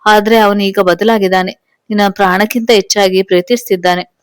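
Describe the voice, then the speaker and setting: A woman's voice: medium pitch, fairly even intonation, fairly quick, clean tone, dry recording, clean studio sound, close to an everyday voice. A woman voicing a worried but consoling mother-in-law, in a storybook reading. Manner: gentle, consoling. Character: anxious, soothing mother-in-law.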